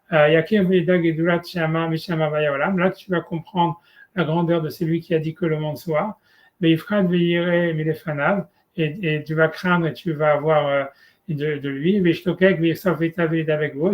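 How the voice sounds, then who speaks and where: Casual, hesitant male rabbi teaching. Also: a little high. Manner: casual, hesitant, many fillers and "tu vois"; mixes Hebrew terms into French. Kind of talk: informal one-on-one Torah lesson.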